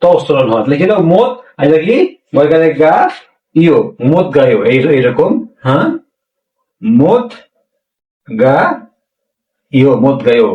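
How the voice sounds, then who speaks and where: A man's voice: on the high side, lively intonation, unhurried, long pauses, narrow, tinny audio. A man teaching a language lesson, explaining pronunciation rules step by step, often asking a question and then answering it himself. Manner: repetitive, asks questions and answers them himself. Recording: echoey room, mic far off.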